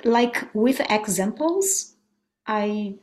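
A Brazilian musician with a Brazilian Portuguese accent answers a conversational interview thoughtfully, searching for words and often restarting sentences. Her medium-pitched voice is animated, with drawn-out words.

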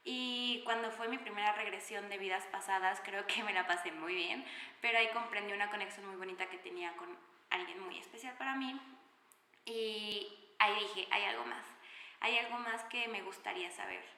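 A young Mexican woman with a bright, clear voice talks through her personal story on her podcast, chatty and enthusiastic with plenty of fillers. Her voice rings in an echoey room with a long reverb tail. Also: medium pitch, moderate pace. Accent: Mexican Spanish. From Mexico City. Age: young adult. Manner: chatty, warm-hearted and enthusiastic, many fillers. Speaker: podcast host.

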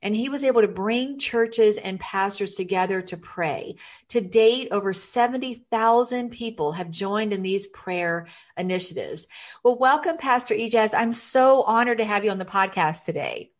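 A woman's voice: medium pitch, normal speed. A woman hosting a podcast, reading a formal guest introduction and then talking with her guest. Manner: formal, reads a guest bio then chats warmly. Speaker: podcast host. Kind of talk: podcast host introduction and interview.

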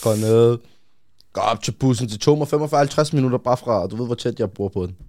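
A young man from Amager, Denmark, telling a personal story in a casual chat, animated and often checking that the listener follows. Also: mid-range voice. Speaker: guest, rapper.

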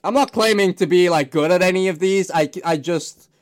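Young male podcast host, high voice, loose rambling chat among friends. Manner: rambling, halting, restarts and filler words.

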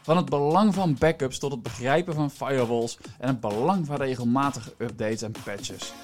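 A man presents a podcast in a medium-pitched voice. He explains in a semi-scripted narration, speaking straight to the listener and posing rhetorical questions. Music plays behind him. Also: moderate pace, darkish tone. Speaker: podcast host.

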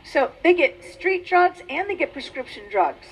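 High-voiced woman giving an emotional testimony. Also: sing-song, low-quality recording. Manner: earnest, emotional, with halting restarts. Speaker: former adult-film performer giving a testimony. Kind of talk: personal testimony talk.

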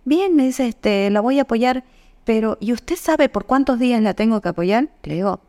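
A lively woman appears as a guest on a conversational podcast, recounting workplace stories at a moderate pace in an indoor studio. She's an animated storyteller who acts out quoted dialogue with sudden jumps in pitch.

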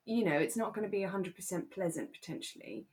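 A young British woman co-hosts a podcast, chatting in a relaxed, casual way while thinking aloud and qualifying her points. Her voice is mid-range and her pace is quick.

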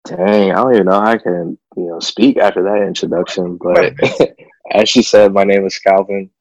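A man's voice: deep voice, steady tone, normal speed, a little mellow, no room sound, low-quality recording. A young man from the DMV area, chatting in a laid-back way as a podcast guest, with plenty of "you know.". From DMV area, United States. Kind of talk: casual chat.

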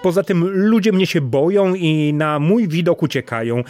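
A man's voice: a little high, normal speed, darkish tone, no room sound, soft background music, pitched above the performer's own voice, close to an everyday voice. A man voicing a hot-tempered male crocodile in a storybook, speaking frankly and emphatically. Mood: emphatic.

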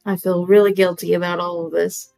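Creaky-voiced woman playing a tabletop game. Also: on the low side, little pitch movement, brisk, darkish tone. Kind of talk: casual in-game chat.

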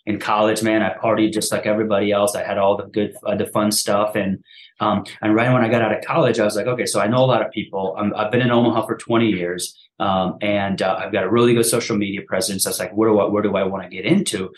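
A man in his thirties from Afghanistan, a podcast host telling his story in a casual interview, talking fast with lots of restarts and "man". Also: fairly low pitch, little pitch movement. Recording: echoey room.

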